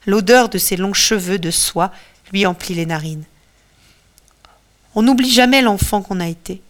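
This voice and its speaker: A woman reading a mythological tale aloud as storyteller, with expressive, dramatic delivery. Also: medium pitch, moderate pace. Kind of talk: scripted storybook narration.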